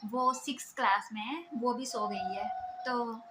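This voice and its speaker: A woman in her thirties from Himachal Pradesh, India, talks earnestly to camera in a home vlog, her Himachali Hindi accent clear in her fairly high-pitched, measured voice. She lectures with many fillers while her children sleep nearby, and the indoor room recording is echoey with a noisy background.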